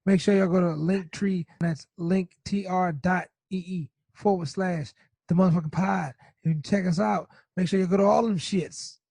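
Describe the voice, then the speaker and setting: Podcast co-host, New Orleans man, high voice, profane hype-man delivery. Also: fairly even intonation, normal speed, gravelly, dark tone, husky, no room sound. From New Orleans, USA. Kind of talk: casual chat. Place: garage.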